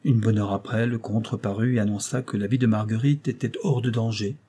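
A man reads a classic tale aloud in a steady storytelling manner. His voice is dark and mellow, with a husky grain. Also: on the low side, brisk. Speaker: narrator. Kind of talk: audiobook reading of a classic tale.

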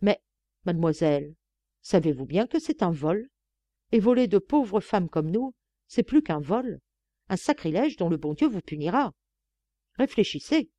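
A woman's voice: fairly low pitch, big pitch swings, unhurried, long pauses, mellow, no room sound. A woman reading an audiobook, voicing a stern, sanctimonious nun who speaks with cold dignity. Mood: severe. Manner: dignified, severe, preaching.

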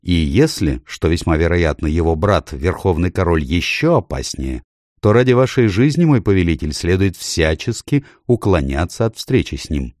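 A man's voice: low-pitched, lively intonation, normal speed, a little mellow, dry recording, studio quality. Man playing a sly, wheedling scheming lord. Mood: deferential. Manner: wheedling, conspiratorial. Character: sly cautious scheming male nobleman.

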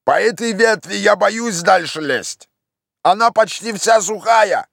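A man voicing a timid, simple old male servant in an audiobook, calling down slowly and plaintively. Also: medium pitch, expressive, fairly bright tone, no echo, clean studio sound. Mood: grumbling. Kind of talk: audiobook character voice.

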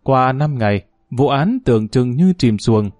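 A man narrating a village crime story in a steady, measured way. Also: medium pitch, no echo, studio quality, faint music behind.

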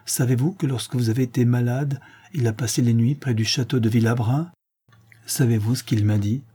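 A man voicing an old peasant woman, a devoted nurse who speaks gently and earnestly. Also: medium pitch, fairly even intonation, a little fast, breathy edge, lightly acted. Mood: consoling.

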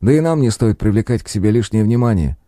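A man's voice: lowish voice, animated, quick pace, warm tone, no echo, studio quality, natural voice. A man voicing a strange, laconic sorcerer with a cawing manner who talks dismissively. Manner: dismissive, shrugging. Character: odd raven-like sorcerer, cawing laugh, laconic.

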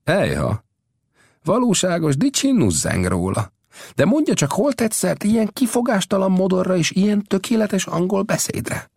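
A man voicing an old, shrewd frontier scout in a storybook reading, speaking in a high, hushed, inquisitive way. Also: huge pitch swings, breathy edge, no echo, studio quality, full character voice. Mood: hushed curious.

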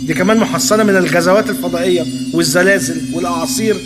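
A man's voice: sits high, racing, in a large hall, over loud music, lightly acted. A man playing Meligy, pompous failed inventor. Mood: bickering. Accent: Egyptian Arabic. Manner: pompous, stubborn. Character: eccentric cousin, self-proud failed inventor, man.

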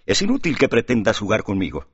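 A man voicing a proud, scornful young man with a husky voice, in an audiobook with a dull, lo-fi sound. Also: lowish voice, wildly swooping pitch, quick pace, dry recording, exaggerated voice. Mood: arrogant. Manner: curt and arrogant. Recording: dull lo-fi recording.

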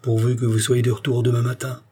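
A man's voice: mid-range voice, level tone, quick pace, dark tone, slightly rough, natural voice. A man reading the part of a self-assured aristocratic duke who speaks in a soothing, reassuring way.

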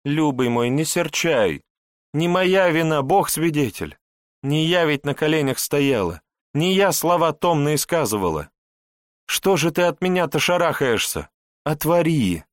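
A man's voice: sing-song, unhurried, fairly bright tone, no echo, studio quality. A man reading an audiobook, voicing a jealous young grand princess who pleads and scolds. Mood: pleading. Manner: pleading, then fiery and shrill.

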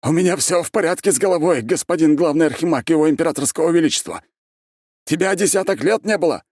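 A deranged ex-emperor roars and bellows. The voice sits far above a deep speaking voice and swings wildly, loud and forceful throughout this dry, close audiobook reading. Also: male voice, animated, fast talker, no echo. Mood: raging. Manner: roaring, bellowing. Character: raging mad male ex-emperor, roaring threats.

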